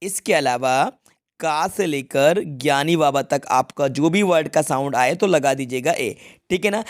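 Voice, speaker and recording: Brisk man teaching grammar to students. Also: a little high, no echo, studio quality. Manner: drills students with repeated questions. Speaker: English teacher. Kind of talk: Hindi-language grammar lesson.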